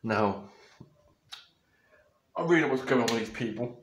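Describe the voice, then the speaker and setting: Animated and speaking at a normal pace, a young man with a mid-range voice rambles casually about photos in his vlog, restarting and correcting himself often. A close webcam or phone camera captures him in a small bedroom, with a roomy sound and slight hiss or hum.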